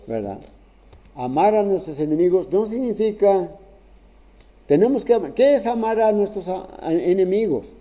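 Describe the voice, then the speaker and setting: A man preaching a sermon in a halting way, restarting phrases and often checking in with "¿verdad?". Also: high voice, mellow.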